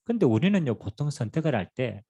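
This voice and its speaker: Middle-aged male pastor, Gyeongsang accent, husky tone, animated storytelling sermon. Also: medium pitch, fairly quick. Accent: Gyeongsang Korean. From Pohang, South Korea. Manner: lively storytelling preaching with rhetorical questions and humor.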